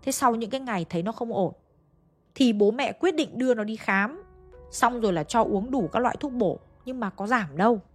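A woman's voice: a little high, expressive, normal speed, husky, soft background music. A woman narrating a ghost story in a chatty way, speaking straight to her listeners. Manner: chatty, addresses listeners directly.

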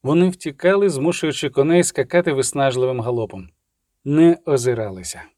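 A man reading an audiobook in a steady, measured dramatic manner. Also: medium pitch, no echo, studio quality. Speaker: audiobook narrator. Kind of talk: scripted audiobook narration.

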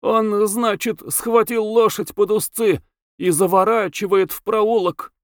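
A man voicing a young fair-haired cab driver who talks plaintively in a high voice, stammering. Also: fairly even intonation, measured pace, clean tone, dry recording, clean studio sound.

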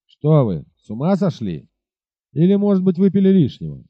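A man's voice: on the high side, wildly swooping pitch, moderate pace, no echo, voice pushed up. A man reading aloud, voicing a hot-tempered, arrogant army captain who barks orders. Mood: bullying. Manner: blustering, shouting orders. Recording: dull lo-fi recording.

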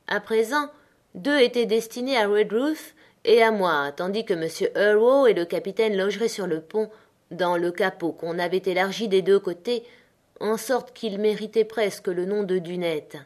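A woman reading a novel aloud with an even storytelling delivery. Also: medium pitch, moderate pace. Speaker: audiobook narrator. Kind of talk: scripted narration.

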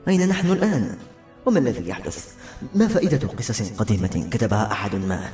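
A man's voice: lowish voice, sing-song, quick pace, voice pushed down. A man reading the lines of a polite, bewildered young man who keeps asking earnest, puzzled questions. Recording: roomy echo with soft music.

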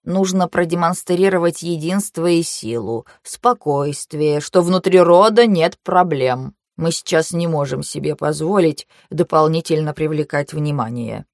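An elderly male teacher in an audiobook, voiced by a woman narrator, fussy and measured, who drags out his words in a lowered, careful tone. the recording is dry and close, with no room sound. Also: no echo. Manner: slow, weighty, hesitant. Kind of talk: audiobook character voice.

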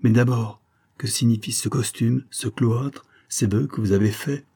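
A man's voice: medium pitch, steady tone, unhurried, creaky, warm tone, husky. A man doing a bitter, insistent old prisoner. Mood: accusing. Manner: insistent, sombre and urgent.

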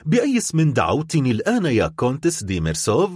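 A man's voice: mid-range voice, wildly swooping pitch, fast talker, husky, no room sound, studio quality. A man voicing a cold, vengeful middle-aged nobleman who speaks with harsh, biting sarcasm in an audiobook reading. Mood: cold bitter.

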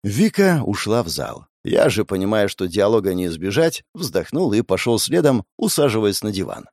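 A man's voice: fairly low pitch, big pitch swings, normal speed, a little mellow, no echo, studio quality. A man narrating a first-person audiobook in a sardonic, mocking manner.

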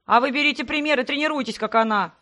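Woman voicing young brother, exuberant, teasing, loud. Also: high-pitched, fast talker, voice pushed up. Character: playful young man, the narrator's brother.

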